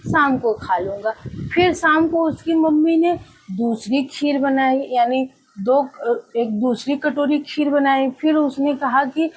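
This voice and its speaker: High-voiced woman teacher telling a story. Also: takes it slowly, a little mellow, poor audio. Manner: addresses listeners as children, asks rhetorical questions. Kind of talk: storytelling lesson to students.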